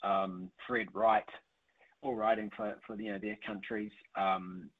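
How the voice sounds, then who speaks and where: A man's voice: on the low side, flat delivery, unhurried, narrow, tinny audio. A man giving enthusiastic, conversational analysis as a cycling commentator. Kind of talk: casual interview analysis.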